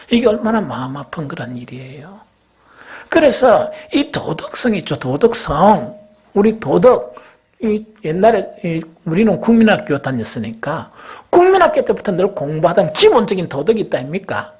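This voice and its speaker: A middle-aged man, preaching a sermon as senior pastor. He asks the congregation questions and answers them himself, pushing some phrases up loudly and letting others drop low. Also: slightly rough. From South Korea. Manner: swings between raised, emphatic phrases and low, dropped endings.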